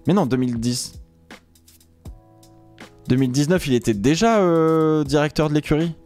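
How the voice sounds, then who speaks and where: A man's voice: a little high, normal speed, darkish tone, soft background music. A man chatting casually on a live stream, rambling with many fillers and restarts.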